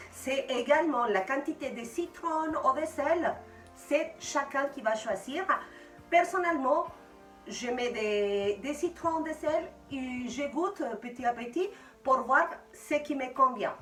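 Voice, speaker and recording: A woman from Mexico with a Mexican accent, hosting a casual cooking tutorial and chatting with viewers as friends, pausing often to search for words. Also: high-pitched, a bit bright. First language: Spanish. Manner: chatty, addresses viewers as friends, frequent hesitations. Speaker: home cook host. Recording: roomy, from mic distance, faint music.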